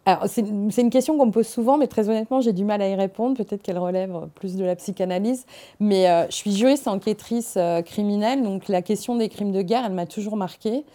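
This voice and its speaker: A middle-aged woman from France, a guest in a studio interview, giving earnest, measured explanations. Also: mid-range voice, dark tone. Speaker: guest, war crimes investigator.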